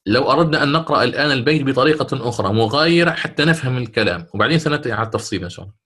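Man teaching recitation, slow chanted verse. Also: medium pitch, lively intonation, a bit bright. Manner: chants verse slowly, then explains in quick asides with frequent "تمام؟". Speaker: sheikh teaching Quranic recitation. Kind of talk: classroom lesson explaining a poem line by line.

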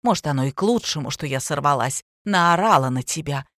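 A woman's voice: low voice, animated, no echo, studio quality, pitched below the performer's own voice, heavily acted. Woman voicing a drunk, scornful middle-aged woman. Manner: shouting, mocking, drawn-out slow delivery.

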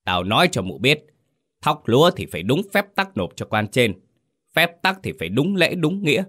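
A man's voice: lowish voice, big pitch swings, normal speed. A man voicing a cruel old village chief. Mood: angry scolding. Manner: shouting, scolding, bullying.

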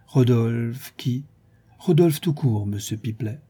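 A man voicing a reserved gentleman tenant who speaks politely and evenly. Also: medium pitch, lively intonation, breathy edge, full character voice. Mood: courteous. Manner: polite and measured.

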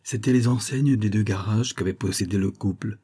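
A man narrating an audiobook in a steady, measured reading voice. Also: on the low side, husky. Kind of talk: scripted narration.

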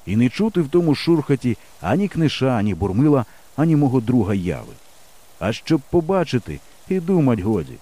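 A man narrates a first-person children's adventure with a lively, playful delivery. His tone is mellow and warm, and his pitch moves in big animated sweeps through every sentence. It sounds like a practiced audiobook reading. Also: brisk.

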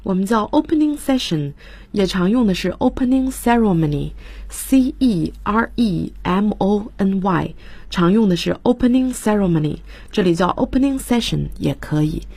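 A woman's voice: medium pitch, animated, moderate pace, vocal fry, darkish tone, husky, dry recording. A woman teaching English words on a radio lesson, explaining each word and spelling it out letter by letter. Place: radio studio.

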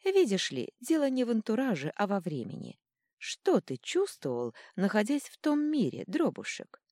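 A woman's voice: medium pitch, wildly swooping pitch, moderate pace, warm tone, no room sound, clean studio sound, voice pushed up. A woman voicing a mischievous, smug little god of chaos who teases and purrs his lines. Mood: teasing. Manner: teasing, smug, purring. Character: mischievous invisible male chaos godling.

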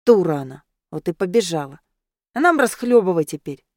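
A woman voicing a sharp-tongued teenage girl dressed as a butterfly, who grumbles sullenly. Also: on the low side, very animated, fairly quick, no room sound, clean studio sound. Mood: sulky.

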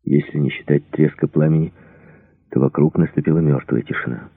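Deep husky male audiobook narrator. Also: steady tone, a little fast, no echo, phone-quality sound. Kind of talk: scripted narration.

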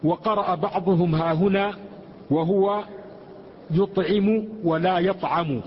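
A man reading a religious text aloud in a lesson, slowing for quotations. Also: high-pitched, a little hiss or hum. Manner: slow measured recitation of quotations. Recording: muffled lesson recording in a reverberant hall.

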